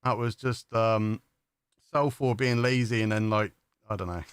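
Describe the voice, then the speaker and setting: A man's voice: on the low side, a little slow, smooth, no room sound, studio quality. A man hosting a live stream, chatting casually, laughing often and calling his guest mate. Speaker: livestream host.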